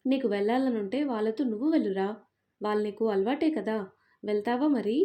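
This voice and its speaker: A gentle father in middle age who dotes on his daughter and coaxes her along in a soft voice, as a woman puts him on. The tone is warm and mellow, a storybook telling. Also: fairly high pitch, fairly quick, natural voice. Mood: tender. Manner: soft and coaxing. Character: doting middle-aged father, gentle and indulgent.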